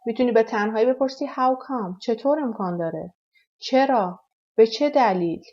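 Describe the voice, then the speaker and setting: A woman giving an English lesson. She says each English phrase slowly and clearly and then explains it quickly. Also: on the high side, mellow. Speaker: English teacher. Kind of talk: language lesson, slow model sentences. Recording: slightly dull, lo-fi sound.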